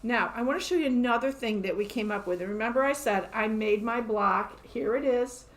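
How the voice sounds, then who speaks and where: A woman's voice: a little high, fairly quick. Chatty, upbeat woman hosting a live show. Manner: chatty, upbeat, laughs often. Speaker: quilt shop host. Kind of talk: casual live show-and-tell. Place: quilt shop.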